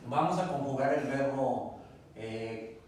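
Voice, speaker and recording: A man's voice: medium pitch, takes it slowly, a little mellow. A man teaching a grammar lesson at a classroom board, patiently spelling out each verb form step by step. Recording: echoey room, distant mic, faint noise.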